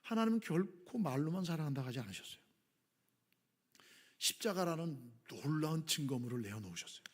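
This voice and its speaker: Male pastor preaching with fervor: high, animated voice that drops to whispers and climbs to cries. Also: fairly quick, slightly rough. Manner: impassioned preaching, swings from hushed whispers to near-shouts. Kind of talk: sermon. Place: church sanctuary.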